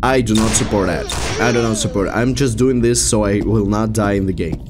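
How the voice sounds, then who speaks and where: A young man doing casual game streamer commentary and read-alouds, halting, with muttered asides. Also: on the low side, background noise. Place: indoor room at home. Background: game music.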